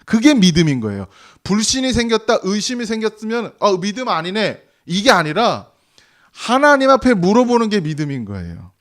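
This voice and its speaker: Man, pastor, sunday sermon, high voice, very animated pitch, rhetorical questions. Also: brisk. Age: 40s or older. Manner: conversational preaching, rhetorical questions, acts out quoted voices. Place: church sanctuary.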